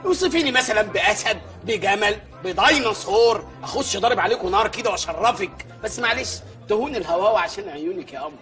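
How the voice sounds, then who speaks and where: An actor playing an excitable, boastful village mayor in a comic sketch, sarcastic and frantic. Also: male voice, faint music behind. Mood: mocking. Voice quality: high-pitched, rapid-fire.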